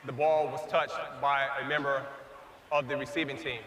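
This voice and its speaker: A man's voice: medium pitch, little pitch movement, normal speed, a bit bright. A man making a formal referee penalty announcement over an outdoor stadium's public address, stating rulings in official, declarative phrases. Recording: echoing stadium PA, noisy outdoor ambience.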